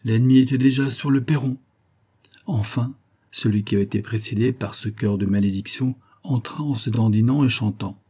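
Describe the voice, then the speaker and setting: A man narrating a classic novel in a measured storytelling manner. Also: medium pitch, dark tone, breathy edge. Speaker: audiobook narrator.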